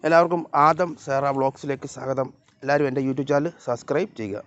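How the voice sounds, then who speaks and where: A man's voice: medium pitch, brisk, a bit bright, muffled recording. Man vlogging outdoors, calling his pets. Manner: talks to his dog and cats, calling them along. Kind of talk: casual vlog narration while walking outdoors. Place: outdoors by flooded fields and a river.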